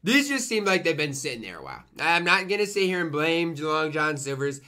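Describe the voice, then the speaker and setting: Young man, slightly high pitch, bright voice, casual food vlogger, emphatic and repetitive. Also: big pitch swings, a little fast. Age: young adult. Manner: talks while eating, murmuring appreciative mms; emphatic, repeats himself. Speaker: food reviewer. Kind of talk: casual food review vlog. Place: small room at home, indoors.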